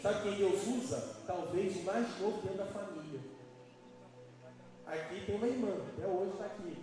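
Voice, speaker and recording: This pastor's voice sits high and sounds dark as he delivers a live sermon at a moderate pace, emphatically questioning the congregation. The church hall recording is echoey and distant, with music behind him.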